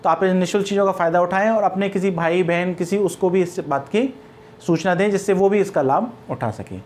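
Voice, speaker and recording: A man's voice: high-pitched, a little fast, a little mellow, a little hiss or hum. A male English grammar teacher explaining step by step, mixing English terms into Hindi and answering his own questions. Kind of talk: Hindi-language grammar lesson.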